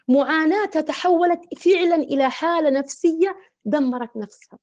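High-voiced earnest woman preaching. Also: darkish tone, dull audio. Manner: earnest, repetitive, imploring. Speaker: religious counselor. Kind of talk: religious exhortation to women.

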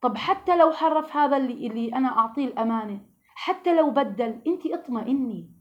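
A woman's voice: high-pitched, expressive, fast, highs cut off. A woman teaching a religious lesson to women, earnest and asking her listeners questions.

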